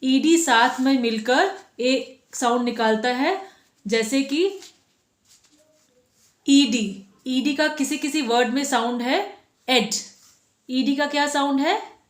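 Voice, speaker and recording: A woman's voice: high-pitched, slow pace, pauses often, reverberant. A woman teaching a phonics lesson to children, patiently sounding out letters one by one and asking the class questions.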